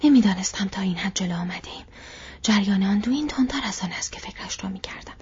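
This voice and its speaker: A woman voicing a steady leader man who gives orders and explains in a whispered role-play. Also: husky, muffled recording. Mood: worried. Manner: commanding, then low and explaining.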